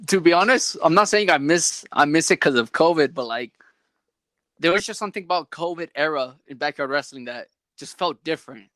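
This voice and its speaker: Bright-voiced young man hosting a casual chat. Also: on the high side, fairly quick, no echo. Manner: rambling, animated, many "like" fillers. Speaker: podcast host.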